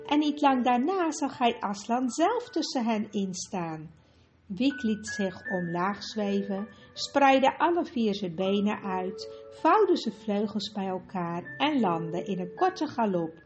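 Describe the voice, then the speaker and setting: A woman reading a children's storybook aloud in a steady, clear telling. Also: medium pitch, slow, muffled recording. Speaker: audiobook narrator. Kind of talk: storybook narration. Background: faint music.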